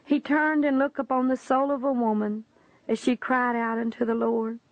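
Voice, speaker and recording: A woman's voice: a little high, flat delivery, moderate pace, no room sound. A woman reading a religious testimony aloud in an earnest, preachy way, calling the listener her friend. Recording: dull, dry lo-fi recording.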